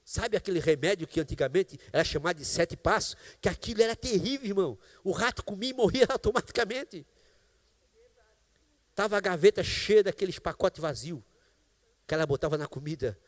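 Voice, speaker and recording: A male pastor with a Brazilian Portuguese accent preaches in a large church, his voice sitting fairly high for a man. He tells his story in a preaching cadence, breaking into cries of praise along the way. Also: lively intonation, a little fast, in a large hall. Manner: storytelling testimony with preaching exclamations. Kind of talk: sermon. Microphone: live stream church microphone.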